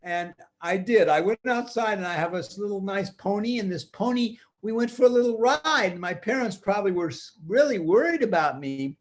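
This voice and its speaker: Older man as little storybook princess, very high, animated, rambling, earnest and eager. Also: brisk, few pauses. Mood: confessing, eager.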